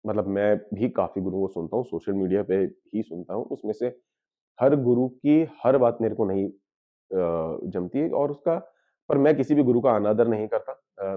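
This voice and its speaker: The voice is a man's, lowish, and it sounds like it came through a phone. An astrologer, he explains spiritual ideas while switching freely between Hindi and English, weaving in English terms and often asking and answering his own questions.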